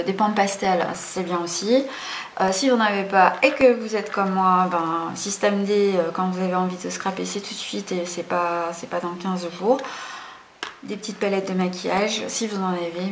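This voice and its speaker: A woman hosting a casual craft tutorial, chatty and hesitant, full of fillers and self-corrections. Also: medium pitch. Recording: roomy echo, faint background noise.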